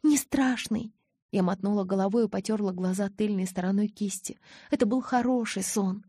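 A woman's voice: mid-range voice, moderate pace, mellow, husky, dry recording, clean studio sound. A woman reading an audiobook and voicing a tearful young woman who pleads, her voice breaking with sobs.

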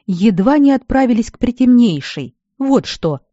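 A reader voicing a weary male garrison healer who scolds at first, then speaks with fatherly gentleness. The recording is dull and dry. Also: on the high side, moderate pace, no room sound, natural voice. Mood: scolding. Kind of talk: audiobook character voice.

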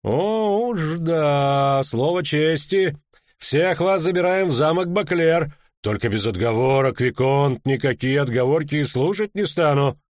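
A swaggering knight baron, as a man puts him on shouts in a raised, drawn-out bellow, full of pomp. He stretches each word slowly and loudly. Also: fairly high pitch, animated, dry recording, clean studio sound. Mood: blustering. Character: pompous blustering male knight baron.

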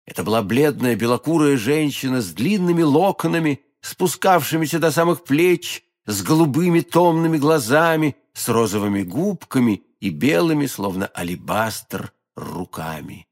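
A man narrating a classic novel as an audiobook, expressive and theatrical. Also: medium pitch, normal speed, hardly any pauses. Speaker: audiobook reader.

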